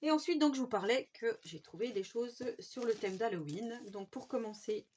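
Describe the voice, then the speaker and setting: Woman, chatty haul vlogger, excited, filler words, faint hiss and clicks. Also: a little high, moderate pace, muffled recording. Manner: chatty, enthusiastic, many fillers and restarts. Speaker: scrapbooking vlogger. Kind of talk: casual product haul chat. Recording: faint background noise and clicks.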